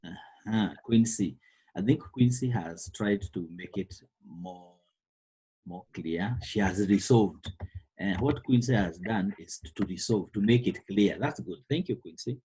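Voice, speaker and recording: A man's voice: fairly low pitch, unhurried, mellow, breathy edge, low-quality recording. A man with a Kenyan accent teaching a biology lesson to an online class, repeating words and stressing key terms. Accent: Kenyan English. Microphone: computer microphone on a call.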